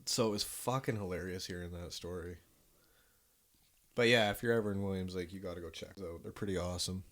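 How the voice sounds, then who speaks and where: A man's voice: deep voice, steady tone, fast talker, a bit bright. A man co-hosting a casual podcast, rambling and swearing freely as he tells stories, with lots of restarts and fillers. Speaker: podcast co-host. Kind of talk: casual chat.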